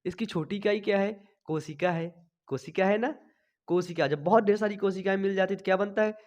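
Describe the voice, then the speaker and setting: Young male biology tutor, high-pitched, chatty, pacing himself after a cough. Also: fairly quick, darkish tone. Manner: chatty, checks in constantly with "thik hai". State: recovering from a cough, speaking slowly. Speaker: biology teacher. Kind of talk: online class lecture. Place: small home studio. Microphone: sensitive desk mic.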